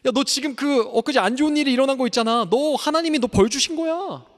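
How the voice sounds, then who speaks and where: Brief: sneering male accuser, scolding and high, in a long-reverb hall, put on by a preacher. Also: quick pace. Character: taunting accuser voice of Satan, male.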